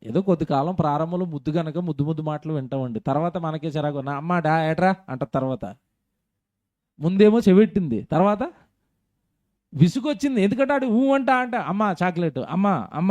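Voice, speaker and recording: Man preaching a sermon, high voice, mellow tone, dry close sound, asks the congregation questions. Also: no echo, muffled recording. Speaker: pastor.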